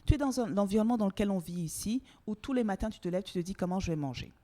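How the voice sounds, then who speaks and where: A Togolese woman, a guest on a podcast, talks candidly and emphatically in a conversational interview, swearing casually and repeating words for emphasis. Her mid-range voice is warm and races along.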